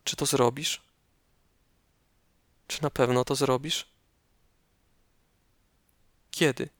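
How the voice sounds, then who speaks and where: A man with a mid-range voice calmly leads a guided meditation, offering slow, measured instructions and leaving pauses between them. The dry recording puts him close, as though whispering right beside your ear.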